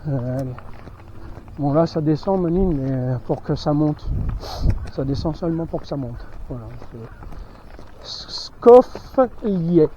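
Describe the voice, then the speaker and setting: A man with a fairly high, dark and mellow voice talks casually as he hikes through rural country, coaxing his animals along. The sound is dull and lo-fi, and faint outdoor ambience sits behind him. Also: unhurried, long pauses, slight background noise. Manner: chatty, talks to his animals while walking. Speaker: vlogger traveling with animals. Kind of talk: casual on-the-go commentary.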